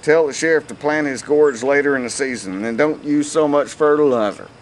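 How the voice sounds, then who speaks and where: A man's voice: on the high side, fairly quick, slight background noise, voice pushed up, natural voice, poor audio. Commanding ranch father, read by a man.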